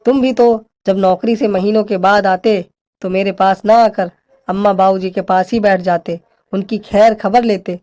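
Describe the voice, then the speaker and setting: A woman's voice: medium pitch, steady tone, normal speed, warm tone, lightly acted. A woman playing a bossy, complaining older mother-in-law who scolds her daughter-in-law. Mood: scolding.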